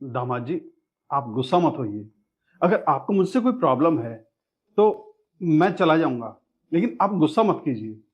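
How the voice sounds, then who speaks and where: An actor playing a gentle, humble father-in-law who pleads softly and politely, recorded with dull lo-fi sound. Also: fairly high pitch, sing-song, normal speed, pauses often. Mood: pleading.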